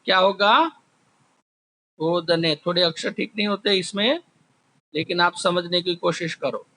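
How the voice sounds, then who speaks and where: A man teaching a class, slowly drilling word forms, asking questions and answering them himself. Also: high voice, fairly even intonation, sharp tone. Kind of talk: slow classroom explanation. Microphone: recorded while writing on a board.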